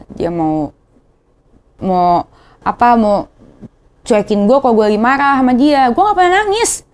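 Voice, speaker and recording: A woman's voice: fairly high pitch, a little mellow. A young woman with a Jakarta slang accent, talking in a casual confessional vlog, emotional and rambling, often repeating herself. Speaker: vlogger.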